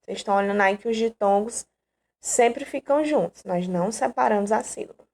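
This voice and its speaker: A woman's voice: medium pitch, fairly quick, gravelly, a little mellow. A woman from Brazil teaching an online grammar lesson, explaining patiently and checking in with her students often.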